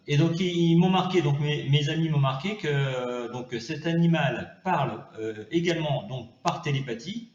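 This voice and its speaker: A man rambling through a comedic vlog, full of fillers and restarts, sometimes switching to high cooing baby talk. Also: a little mellow, reverberant, dull audio, slight background noise. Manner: hesitant, many fillers and restarts. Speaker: vlogger. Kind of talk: improvised comedic monologue.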